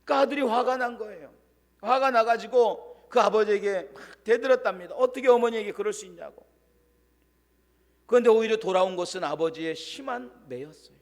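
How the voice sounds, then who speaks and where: A male pastor preaching a sermon, telling a story dramatically and dropping to a hushed voice for quoted lines. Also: high voice, fairly quick. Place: church sanctuary. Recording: long church-hall reverb.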